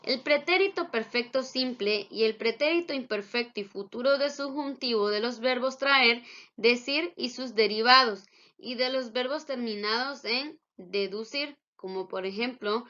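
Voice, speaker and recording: A woman teacher explaining spelling and punctuation rules slowly and with careful enunciation. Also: a little high, bright, forceful tone. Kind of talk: spelling and grammar lesson. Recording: dull lo-fi recording.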